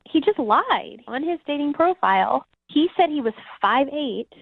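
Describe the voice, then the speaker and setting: A woman on a tinny phone line, answering in a guarded, blunt, matter-of-fact way. Her voice is a little higher than average and dry. She gets straight to the point. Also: lively intonation, unhurried, creaky, no echo. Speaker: person called on air. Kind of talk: casual phone conversation.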